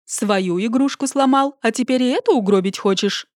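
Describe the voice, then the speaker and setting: A woman's voice: mid-range voice, animated, moderate pace, no room sound, studio quality, close to an everyday voice. A woman reading an audiobook, voicing a bossy, irritable woman with a snappy, scolding delivery. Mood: irritated. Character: bossy irritable older woman, sharp-tongued.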